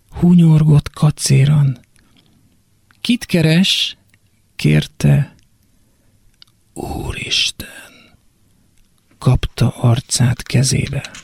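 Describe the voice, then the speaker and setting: A man's voice: mid-range voice, vocal fry, breathy edge, dry recording, studio quality. A man reciting a poem dramatically on radio, moving between full voice and whispers. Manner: shifts between loud lines and unvoiced whispers. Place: radio studio.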